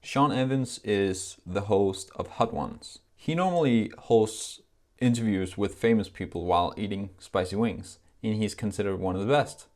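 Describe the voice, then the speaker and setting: In a scripted vlog, a young Danish YouTuber speaks English to camera, frank and poking fun at himself; Danish is his first language. He talks at normal speed in a lowish, slightly mellow voice.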